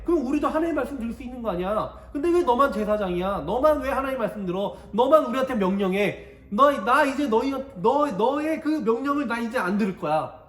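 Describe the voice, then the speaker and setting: A man voicing a defiant rebel leader who shouts challenges at his leader, in an echoey church hall. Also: very high-pitched, animated, brisk, pitched above the performer's own voice.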